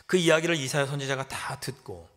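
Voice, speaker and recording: A male pastor preaching a sermon, swinging from loud exclamations to hushed, whispered asides. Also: medium pitch, steady tone, brisk. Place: church sanctuary. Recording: long church hall reverb.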